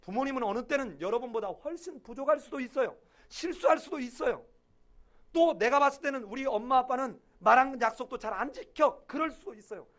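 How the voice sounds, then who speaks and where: High-voiced male pastor preaching. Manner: acts out quoted voices with sudden loud outbursts. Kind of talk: sermon.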